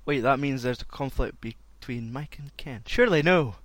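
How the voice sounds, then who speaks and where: A man's voice: medium pitch, normal speed, fairly bright tone, a little hiss or hum. A man hosting a casual chat, loose and rambling. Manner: loose and rambling, laughs a lot. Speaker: podcast host.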